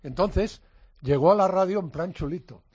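A man's voice: sits high, normal speed, breathy edge, dry recording. An older man, a radio interviewer, telling stories animatedly in casual studio chat. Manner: animated storyteller.

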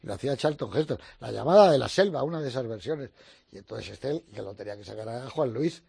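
Man, gravelly, husky, lively anecdotes, dry studio. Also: mid-range voice, fast, dry recording. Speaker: journalist. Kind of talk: casual radio chat.

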